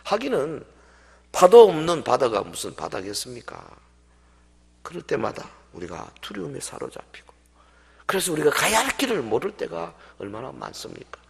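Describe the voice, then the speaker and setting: A man's voice: on the high side, huge pitch swings, moderate pace, gravelly, husky. A man preaching a sermon as pastor, with dramatic swells and acted quotes. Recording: long hall reverb.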